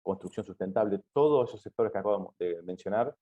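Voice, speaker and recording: A man speaking as an industry panelist, explaining his points at a conference in a husky voice. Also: lowish voice, quick pace. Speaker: steel industry representative, panelist. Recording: dull, lo-fi sound.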